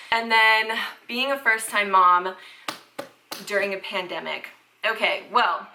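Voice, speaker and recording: The recording is low quality with a bit of hiss or hum as a young woman from the American South chats about parenting to camera. Her mid-range voice comes across pushed and bright, and she keeps dropping "like" and "freaking".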